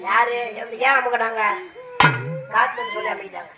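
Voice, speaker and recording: A man leading a temple ritual, coaxing a possessed devotee with repeated questions and sudden shouted calls. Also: extremely high pitch, steady tone, brisk, dull audio, background noise. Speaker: temple ritual drummer and officiant. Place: temple festival. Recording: echoey, distant mic. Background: drums and music.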